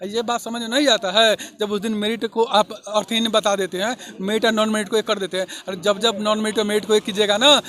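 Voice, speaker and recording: A man, a protesting teacher candidate, speaking forcefully and rhetorically in a street interview outdoors. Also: high voice, little pitch movement, fairly quick, hardly any pauses.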